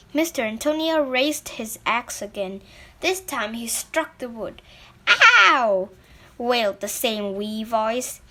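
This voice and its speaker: A woman reading a children's storybook aloud in a slow, deliberate way with small slips and restarts. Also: on the high side, fairly bright tone.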